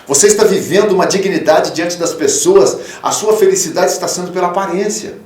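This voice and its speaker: A man, a pastor, preaching a radio sermon, fatherly and emphatic, swinging from loud peaks to soft low tones. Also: fairly quick, reverberant, distant mic. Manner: fatherly, calls listeners 'filho'. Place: radio studio.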